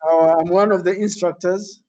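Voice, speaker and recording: A man's voice: high-pitched, steady tone, moderate pace, a little mellow, muffled recording. A man working as an instructor, explaining a training course in a hesitant, piecemeal way. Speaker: journalism instructor.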